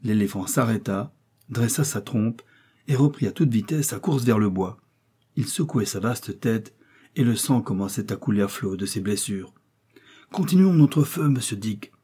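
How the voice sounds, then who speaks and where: A man reading a novel aloud as an audiobook narrator in a steady, measured way. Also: fairly low pitch, slightly rough. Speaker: audiobook reader. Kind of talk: scripted narration.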